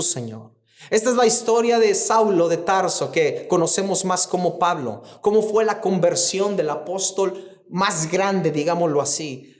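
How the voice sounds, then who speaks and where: A man preaching a sermon as co-pastor, fervent, repeating phrases and slowing down to stress quoted words. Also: extremely high pitch.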